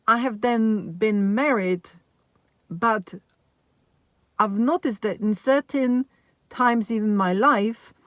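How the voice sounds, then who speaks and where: A woman vlogger speaking slowly and thoughtfully about her own life, often pausing on "like, you know" and asking "right?". The recording is dry and close, with no room sound around her voice. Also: medium pitch, dry recording. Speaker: vlogger and mother of four. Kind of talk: casual reflective monologue.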